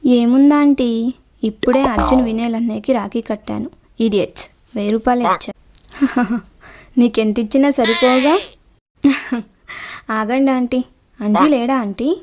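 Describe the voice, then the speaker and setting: A woman's voice: on the high side, fairly even intonation, fairly quick, darkish tone. Chatty woman in a comedy sketch. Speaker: sketch actor.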